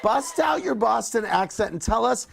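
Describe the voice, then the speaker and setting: High-voiced, gravelly man hosting TV. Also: expressive, normal speed, a faint crowd. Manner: playful, teasing. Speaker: talk show host. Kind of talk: scripted TV talk show hosting.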